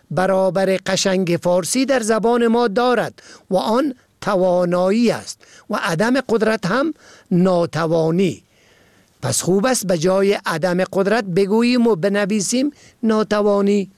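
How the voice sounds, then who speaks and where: A man reads a vocabulary and usage lesson, measured and precise, spelling words out letter by letter. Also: high voice, darkish tone, no room sound, studio quality. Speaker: language teacher.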